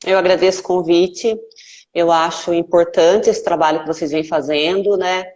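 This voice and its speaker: A woman speaking as a deputy police chief from her station office, heard over a choppy, crackly video call that keeps breaking up, answering in a calm, measured way. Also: lowish voice. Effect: choppy, crackly call line that keeps breaking up. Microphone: remote video call. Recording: muffled lo-fi call audio.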